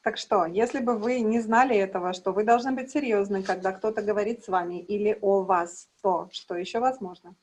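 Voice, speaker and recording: On a video call, a woman interprets live, providing a consecutive translation voice-over into Russian. She puts each line across plainly, with short hesitations and the occasional self-correction. Her voice is medium-pitched and slightly mellow, her pace brisk with few pauses, and there's a little background noise.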